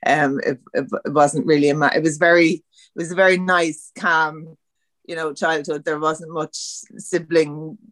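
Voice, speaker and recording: A woman's voice: deep voice, level tone, normal speed, a bit bright, no echo. A woman from Dublin with a Dublin accent, a podcast guest talking freely and laughing often. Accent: Dublin Irish. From Dublin, Ireland. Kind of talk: casual interview chat.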